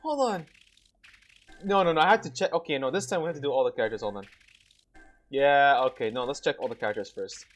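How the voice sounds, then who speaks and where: A man giving casual, excitable gaming commentary, laughing often and cursing mildly. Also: mid-range voice, fast, long pauses, soft background music. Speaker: gameplay commentator.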